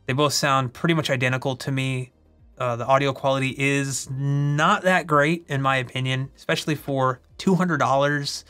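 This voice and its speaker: A man presents a casual product comparison as a tech reviewer. His voice sits at a medium pitch, and he talks informally, as in everyday conversation. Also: steady tone, normal speed, fairly bright tone, clean tone, faint music behind.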